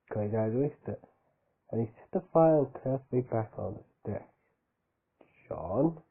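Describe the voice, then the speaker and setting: Guy reading a story real slow, trips on words, tinny phone-like sound. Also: on the low side, husky. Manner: slow, stumbling reading with joking asides. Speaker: reader of fan fiction.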